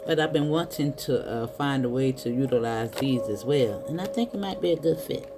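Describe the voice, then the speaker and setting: A woman's voice: a bass voice, normal speed, background noise. A woman doing a casual spiritual card reading, chatting to her viewers and calling them y'all. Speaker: tarot reader. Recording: soft music in the background.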